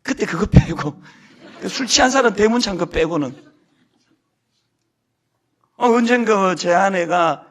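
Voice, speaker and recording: A middle-aged man leads a sermon from the pulpit of a church sanctuary. His voice sits very high and swings widely in pitch. He tells stories about his own fears with self-mocking humor and teases the congregation as he goes. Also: fairly bright tone. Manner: humorous self-deprecating storytelling; jokes with the congregation. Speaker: senior pastor.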